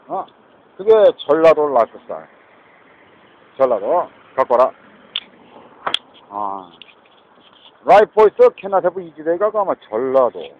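A man talking in a rambling, repetitive monologue, mixing Korean and English, recorded outdoors near a street. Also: a little high. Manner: mixes Korean and English, repetitive, agitated asides. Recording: tinny phone-like audio with faint noise.

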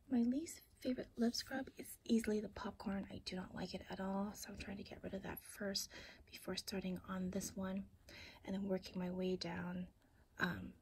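A woman talking in a hushed whisper through a casual late-night vlog at home, keeping quiet so she won't wake anyone. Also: mid-range voice, slight background noise. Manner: talks in a soft hushed whisper to keep quiet. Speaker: vlogger showing her collection. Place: home at night, boyfriend asleep.

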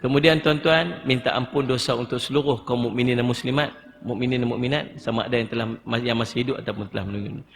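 A man's voice: mid-range voice, fairly even intonation, fast talker, in a large hall, a little hiss or hum. A man with a northern Malay Kedah accent giving an emotive religious lecture in a mosque, coaxing his audience. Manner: emotive, coaxing, acts out tearful pleading prayers. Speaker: religious teacher. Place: mosque hall.

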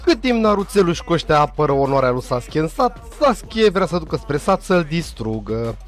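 A young man casually and jokingly recapping an anime episode, full of slang and quick asides. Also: a little high, very animated, faint music behind. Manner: slangy, joking, puts on quick voices for characters. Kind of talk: casual comedic recap narration.

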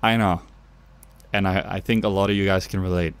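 Low-pitched and clean in tone, this young Danish gamer speaks briskly with a steady delivery and a Danish accent. The YouTuber chats through a let's play at his indoor home gaming setup, adding jokey, self-mocking asides.

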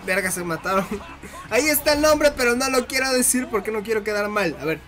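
Bright-voiced excitable gamer guy. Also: sits high, fairly quick, faint music behind. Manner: excitable, laughing, shrieks and swears. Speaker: gaming commentator. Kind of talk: casual gameplay commentary.

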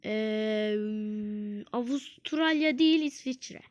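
A woman giving casual let's-play commentary on a quiz game, excitable, repeating words over and over and whining when she loses. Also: high-pitched, slow, clear, resonant tone. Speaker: gaming channel host.

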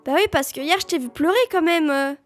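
A woman's voice: high voice, fast talker, a bit bright, faint music behind. A woman YouTuber role-playing as a psychologist in a comedic game role-play, talking in a flustered, hesitant way. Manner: flustered, hesitant, lots of fillers.

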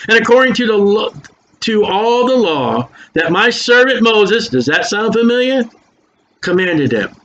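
An older man preaches in a high, fairly bright voice, slowly reading scripture aloud and breaking in with emphatic, folksy commentary. His s sounds whistle through his dentures, and the recording is dull and lo-fi with faint noise.

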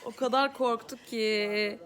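A woman's voice: fairly high pitch, fairly even intonation, takes it slowly, heavy background noise. A young woman vlogging casually at home with her cousins, laughing often and teasing. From Turkey. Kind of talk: casual vlog chat.

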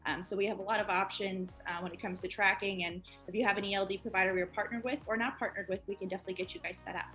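A woman's voice: medium pitch, fairly even intonation, very fast, sharp tone, soft background music. A woman in her twenties, a guest on a company interview, explaining eagerly over a video call. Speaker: project manager guest.

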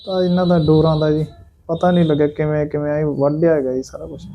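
A man's voice: a little high, level tone, highs cut off. A man with a Punjabi accent playing an injured man in a scripted drama, answering a policeman meekly and respectfully. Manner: meek, respectful, halting. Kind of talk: scripted social drama acting.

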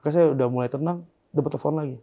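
A young man as an interview guest, telling a painful personal story in a soft, subdued way that often trails off quietly. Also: fairly high pitch, rapid-fire.

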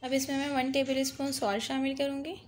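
A high-pitched woman delivers a brisk, completely flat recipe voice-over for her cooking channel, with a little hiss or hum in the recording. She instructs viewers through every step, repeating "dekhiye" to direct their attention.

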